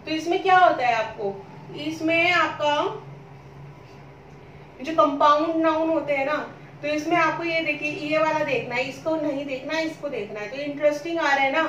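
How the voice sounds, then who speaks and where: A woman with a high, bright voice teaches a grammar lesson and keeps asking questions that she answers herself. She is recorded from some distance in a roomy, echoing space, with a faint ambient hiss behind her. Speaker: English teacher. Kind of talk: classroom-style lesson explanation. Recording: roomy echo, speaking from a distance.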